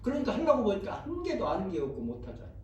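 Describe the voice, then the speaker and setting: A man's voice: high voice, huge pitch swings, quick pace, dull audio, a little hiss or hum. A man pastor preaching a sermon, firm and emphatic, putting rhetorical questions to the congregation. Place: church sanctuary. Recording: very echoey hall, voice far from the mic.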